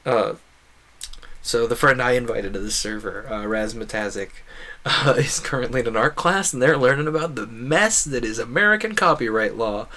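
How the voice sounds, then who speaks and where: With slight background noise, a man with a mid-range, sharp-toned voice offers loose commentary as he streams his gameplay. At a moderate pace he muses out loud, frequently rephrasing partway through a thought.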